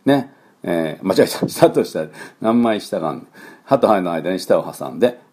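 A man teaching English pronunciation in a relaxed, chatty way with many fillers, coaching learners to repeat after him. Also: sits low, husky. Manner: coaching learners to repeat, demonstrating sounds slowly. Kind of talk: pronunciation lesson.

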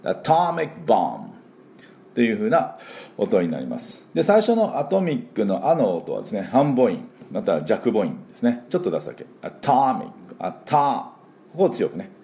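A man's voice: fairly low pitch, huge pitch swings, normal speed, gravelly, mellow. A man, an English teacher and school principal, giving a casual spoken radio lesson, chatty with many fillers and modeling pronunciation aloud.

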